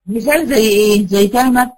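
An Egyptian woman gives a classroom lesson in Quran recitation. She keeps putting questions to her students and answering them herself, and she stretches out the key terms slowly. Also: a little high, darkish tone, a little hiss or hum, rough recording. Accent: Egyptian Arabic. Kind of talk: classroom lecture.

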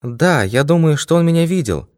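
A man's voice: on the high side, expressive, normal speed, darkish tone, no room sound, studio quality, voice pushed up, lightly acted. A male audiobook reader voicing an anxious, earnest young woman in a raised voice. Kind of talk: audiobook character voice.

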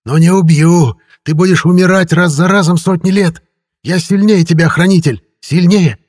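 A man's voice: high voice, lively intonation, slow pace, creaky, a bit bright, slightly rough, pitched above the performer's own voice, exaggerated voice. A man voicing the malevolent snake-like spirit of a cursed ring, with a howling, shrieking voice and a gloating, menacing manner in an audiobook. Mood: furious. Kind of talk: audiobook character voice.

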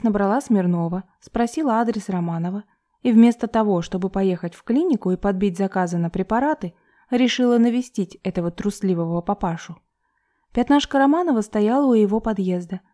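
A woman reading a first-person novel as an audiobook in a calm, even way. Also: medium pitch. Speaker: audiobook narrator.

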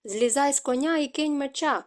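A woman's voice: high voice, normal speed, voice pushed up, close to an everyday voice. A woman reading an audiobook voices a tall, blunt female outlaw who gives mocking commands. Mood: commanding.

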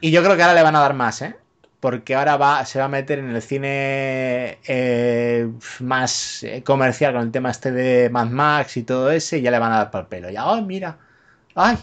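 A man's voice: medium pitch, fairly even intonation, normal speed, a bit bright, clean tone. A man from chatting casually about films on a podcast, rambling with fillers and tag questions and swearing freely. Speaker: podcast co-host. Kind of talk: casual film chat.

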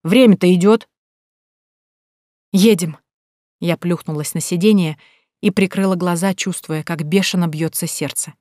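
Brief: a woman with a fairly low voice reading a first-person story, dry booth sound. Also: fairly even intonation, normal speed, darkish tone, no echo. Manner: emotional, pleading in dialogue. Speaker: audiobook narrator. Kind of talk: first-person audiobook narration.

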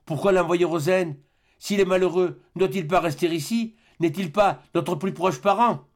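A man's voice: high-pitched, normal speed, pitched above the performer's own voice, lightly acted. A man reading the part of a tender, anxious young woman, raising his voice to plead. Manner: raised, pleading and emotional.

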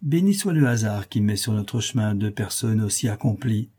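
A man's voice: fairly low pitch, animated, normal speed, mellow. A man voicing a swaggering bandit chief who speaks with sneering, mock politeness.

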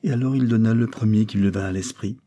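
A man's voice: lowish voice, fast talker, mellow, close to an everyday voice. A man voicing a young woman witness who answers with trembling, indignant outbursts in an audiobook. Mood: defensive.

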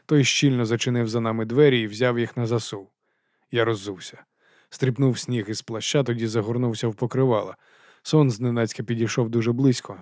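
A man narrating an audiobook in the first person, calm and even. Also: mid-range voice, no echo, studio quality.

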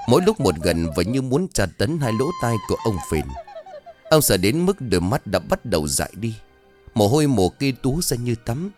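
A man's voice: lowish voice, darkish tone. A man narrating a horror story in a dramatic, tension-building way.

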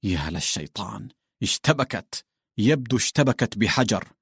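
A man voicing a hefty, crude male landowner who grumbles and shouts in exasperation. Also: lowish voice, animated, moderate pace, creaky, breathy edge, no echo, clean studio sound, exaggerated voice. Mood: grumbling.

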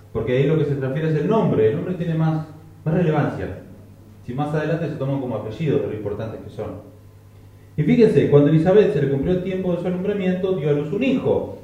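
Chatty preacher in an echoey hall. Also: male voice, on the high side, warm tone, a little hiss or hum. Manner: chatty, joking asides, rhetorical questions. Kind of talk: conversational sermon. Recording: echoey, distant, dull lo-fi recording.

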